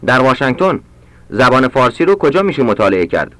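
Man reading language drills, lively pitch. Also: no room sound. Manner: slow, careful, deliberate enunciation of short sentences. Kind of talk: read-aloud Persian drill sentences for learners.

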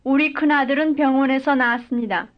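Speaking briskly in a high voice, a woman presents full sentences as language-drill models, each one measured and even. The audio has a dull, lo-fi quality.

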